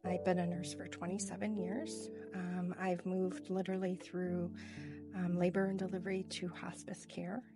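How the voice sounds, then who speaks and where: Lower-pitched middle-aged woman, reflective. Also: little pitch movement, moderate pace, over music. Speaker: guest, hospice nurse. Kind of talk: reflective interview conversation.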